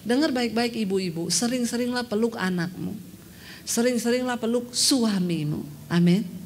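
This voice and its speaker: Animated, humorous woman pastor preaching. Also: fairly high pitch, normal speed, a little hiss or hum. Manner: animated and humorous, often addresses the congregation directly. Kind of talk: lively storytelling sermon.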